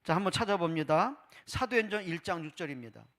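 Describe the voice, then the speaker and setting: A male pastor preaching a Sunday sermon, asking rhetorical questions and voicing people's doubts, swinging between loud and hushed. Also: high voice, animated, quick pace. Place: church service.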